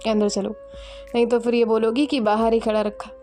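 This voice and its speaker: A woman narrator voices a lively, mischievous young woman who teases everyone with quick banter. She speaks in a fairly high voice over faint background music. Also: natural voice.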